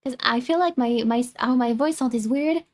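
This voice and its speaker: With a fairly high voice at a moderate pace, a young Frenchwoman streams as a VTuber and reacts to a video. Her casual, accented talk rambles, and she keeps restarting her sentences self-consciously.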